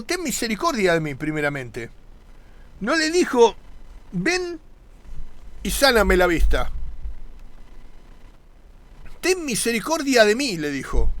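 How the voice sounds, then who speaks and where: A man preaching a sermon, earnest and conversational, with pauses and repeated phrases. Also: sits high, a bit bright.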